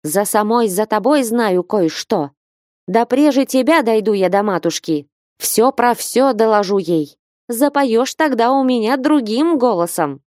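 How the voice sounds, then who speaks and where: A woman voicing a jealous young woman who shouts in high, defiant outbursts. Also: expressive, a little slow, no room sound, studio quality. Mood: furious shouting.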